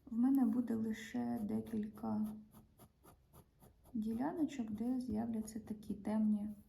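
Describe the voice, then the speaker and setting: Female art teacher with a Ukrainian accent, gravelly and dark, demonstrating drawing calmly, faint noise behind. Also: fairly high pitch, a little slow, low-quality recording. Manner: calm, explaining each pencil stroke as she works. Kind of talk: drawing lesson narration.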